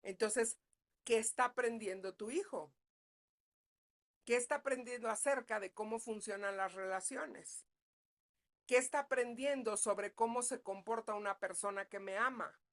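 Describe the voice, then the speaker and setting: A woman leads a parenting class as a psychologist. She talks in a relaxed, conversational way and keeps checking in with her listeners. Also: fairly high pitch, a little slow. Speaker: psychologist leading a parenting talk. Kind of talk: live online parenting class.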